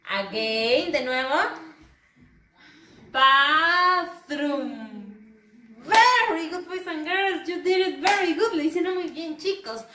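Slow, high-voiced children's English teacher. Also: female voice, expressive, a bit bright. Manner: slow, repeating words for children to say back. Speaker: primary school English teacher. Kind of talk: recorded online lesson for children. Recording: roomy, slightly distant, faint noise.

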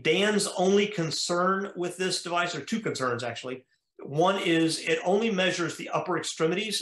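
A man's voice: fairly high pitch, a bit bright. A male cardiologist with an American accent, giving a methodical slide lecture over a video call, explaining step by step with frequent "uh" fillers. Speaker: cardiologist lecturing at a diving conference. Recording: echoey room.

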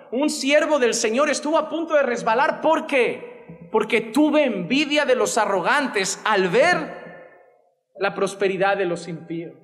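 His voice very high-pitched and a bit bright, a Spanish-accented pastor in his thirties from Spain preaches with passion and broad arm gestures. He stands behind a wooden pulpit on a church stage, using a gooseneck mic, in a large hall.

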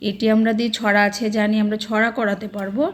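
A woman's voice: mid-range voice, level tone, fast talker, faint music behind. Woman explaining a craft step by step. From Bengal. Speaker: anganwadi preschool worker. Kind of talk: casual craft tutorial.

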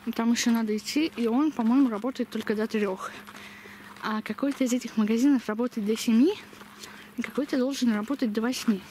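This young adult vlogger has a mellow, slightly high voice and talks fairly quickly, with a slushy lisp that swaps sh for s. She chats casually as she strolls a village street outdoors, filming on a handheld camera at arm's length, and the recording picks up plenty of noise.

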